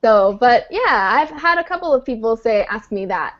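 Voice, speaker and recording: Teaching English over a live online session, a woman speaks at normal speed in a fairly high, animated voice. She patiently breaks things down step by step, peppered with "um"s. The call audio is dull and lo-fi.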